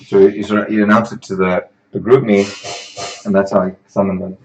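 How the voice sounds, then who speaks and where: Laid-back young male tutor, low voice. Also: flat delivery, a little fast, rough recording. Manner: casual, self-deprecating, livens up when addressing viewers. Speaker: neuroanatomy teaching assistant. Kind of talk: live-streamed tutoring session.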